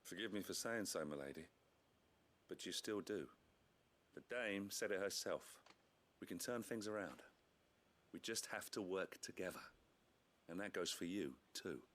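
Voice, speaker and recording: An actor playing a plain-spoken, reassuring soldier captain in a video game, steady and courteous. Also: male voice, low voice, unhurried, long pauses. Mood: encouraging.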